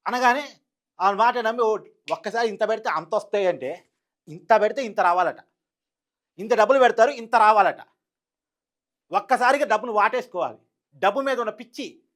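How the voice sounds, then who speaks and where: A man with a notably high voice delivers a heated opinion monologue as a news commentator. He hammers home his points, repeating phrases for emphasis and throwing rhetorical questions at his listeners. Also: fairly bright tone.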